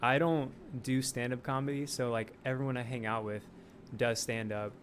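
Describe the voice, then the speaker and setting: A man in his late twenties, a sketch comedian talking casually as a podcast guest, animated and swearing freely. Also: medium pitch, normal speed, a little hiss or hum. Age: late 20s. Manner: animated, swearing, laughing often.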